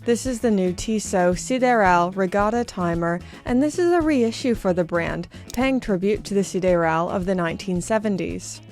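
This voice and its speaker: Young canadian woman, upbeat, chatty, self-deprecating, casual watch review host, mid-pitched. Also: normal speed, hardly any pauses, darkish tone, faint music behind. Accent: Canadian English.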